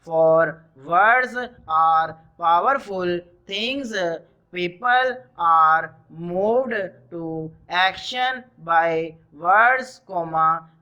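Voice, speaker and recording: A bright, crisp-edged voice at a middle pitch, dictating at an extremely slow pace. The reader breaks sentences into short phrases and announces each punctuation mark, as in a dictation exercise. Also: poor audio.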